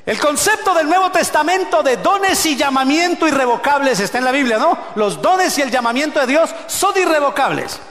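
A man preaches in a church, his voice sitting high for a man. It rings through a roomy hall with long reverb. He jumps from shouted peaks down to low, hushed asides and keeps asking the congregation to repeat after him. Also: big pitch swings, moderate pace, hardly any pauses. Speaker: pastor. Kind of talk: sermon. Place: church sanctuary.

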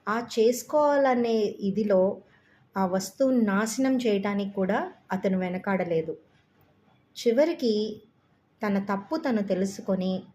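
A woman storyteller narrating an audiobook story in a calm, measured way. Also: mid-range voice, a little hiss or hum.

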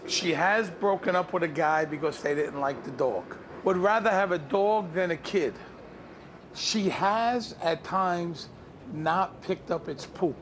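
A high-voiced man delivering cocky, deadpan judgments about strangers in a comedy bit. His voice comes through with clear noise behind it. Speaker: comedy guest doing street bits. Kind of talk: comic street interviews.

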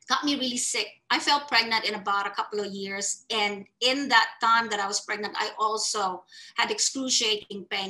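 Her fairly high voice comes through a low-quality webcam recording as this Filipino woman in her forties talks earnestly about her life at an online summit. She is expressive, moves her hands as she speaks, and sits in a small room against a plain wall.

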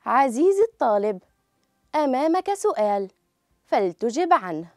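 A woman teaching a children's grammar lesson, speaking slowly and clearly and drawing out each example word for pupils to repeat. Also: high voice, very animated, darkish tone, no echo, studio quality, soft background music. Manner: clear, drawn-out model pronunciation.

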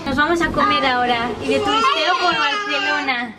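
A woman from Spain talks candidly to the handheld camera she is carrying, her voice sitting high. She narrates her day casually, in the car and out on city streets. Loud traffic and street noise run under everything she says. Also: normal speed. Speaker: vlogger. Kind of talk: casual vlog chat.

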